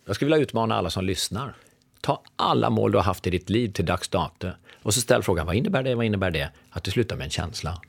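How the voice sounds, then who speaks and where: A middle-aged man telling a long anecdote in a relaxed chat, acting out the lines of the people in it. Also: on the low side, creaky, husky, no room sound. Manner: animated anecdote teller acting out dialogue. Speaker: podcast guest. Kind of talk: storytelling in casual conversation.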